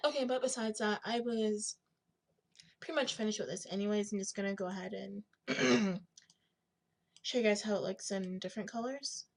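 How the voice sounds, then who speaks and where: Young woman, raspy smokers voice, creaky, slangy, thinking out loud while doing a screen tutorial. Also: medium pitch, moderate pace. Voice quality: husky smoker's rasp with gravelly creak. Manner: informal, slangy, frequent throat clearing. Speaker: digital art tutorial host.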